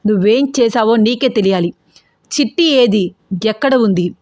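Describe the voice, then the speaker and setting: A woman's voice: medium pitch, normal speed, a little mellow, no echo, studio quality, lightly acted. A woman reading a story aloud and voicing an angry young man who threatens sternly. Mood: stern anger.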